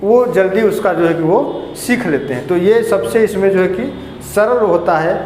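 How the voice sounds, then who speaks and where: A man with a high-pitched voice gives a Hindi grammar lesson in a classroom. He explains step by step, asking questions and answering them himself. The room is echoey with a long reverb, and a faint hum sits underneath. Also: normal speed, darkish tone. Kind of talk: classroom lecture.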